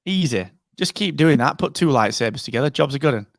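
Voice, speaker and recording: A man co-hosting a fan podcast in loose, joking banter. His voice swings widely in pitch as he riffs. The sound is dry and close to the mic. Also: fast, gravelly, dry recording. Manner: animated, joking banter with frequent fillers. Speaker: podcast co-host. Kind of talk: casual chat.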